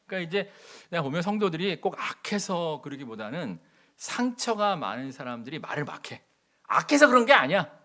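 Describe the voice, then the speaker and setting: A man's voice: fairly high pitch, fairly bright tone. A middle-aged man preaching as a pastor, telling stories with folksy humor and acting out the quotes in his sermon.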